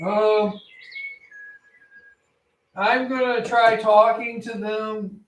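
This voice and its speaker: A man's voice: sits high, flat delivery, very slow, recorded from a distance. A man chatting casually as a player in a tabletop game. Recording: echoey room, off mic, noisy, birds.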